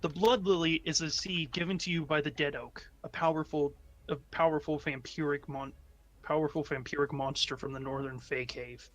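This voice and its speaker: A man narrating a tabletop game as game master, often halting and correcting himself. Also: a little high, fairly even intonation, a bit bright. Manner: halting, self-correcting delivery.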